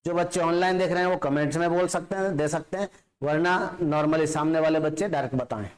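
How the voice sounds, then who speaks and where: A man's voice: fairly high pitch, fairly quick. Man teaching a classroom chemistry lecture. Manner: explains step by step, often checking understanding.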